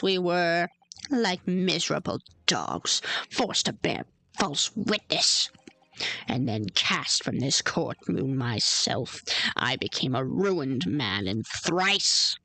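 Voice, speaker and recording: A woman's voice: deep voice, creaky, sharp tone, voice pushed down, heavily acted. A woman voicing a melodramatic old male antique shop owner who laments grandly while dubbing a video game. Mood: mournful.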